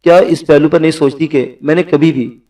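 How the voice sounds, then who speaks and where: Soft-spoken forgiving nobleman read by a man in his own voice, mellow, set back from the mic. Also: on the high side, fairly even intonation, recorded from a distance, close to an everyday voice, low-quality recording. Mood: calm. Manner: gentle, soothing.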